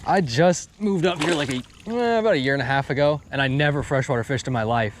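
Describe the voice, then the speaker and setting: A man's voice: fairly high pitch, quick pace. A man chatting casually in an outdoor fishing vlog, with frat-bro slang and hyped exclamations. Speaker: angler filming a fishing video. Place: outdoors by the water. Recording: outdoor recording with clear background noise.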